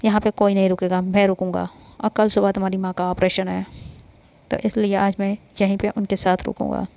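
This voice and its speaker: A woman's voice: medium pitch, level tone, fairly quick, gravelly, dark tone, lightly acted. A woman voicing a firm middle-aged father who speaks in a decisive way.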